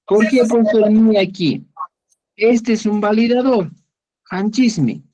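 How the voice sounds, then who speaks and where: A man teaching an online class, explaining slowly and patiently, often checking that students follow. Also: high voice, dark tone, rough recording. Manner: slow, patient, checks understanding with "¿ya?". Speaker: Quechua teacher.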